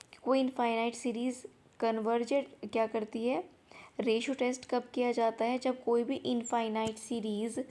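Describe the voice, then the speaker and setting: A young woman teaching an exam revision lesson in mathematics, explaining step by step, repeating key points slowly and often checking that students have understood. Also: fairly high pitch, warm tone. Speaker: maths teacher.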